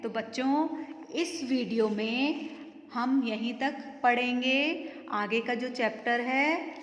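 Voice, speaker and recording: Casting: woman teacher, high-pitched, unhurried, quizzes kids then answers herself; echoey room with long reverb. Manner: patient, asks questions and answers them herself. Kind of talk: grammar lesson for children.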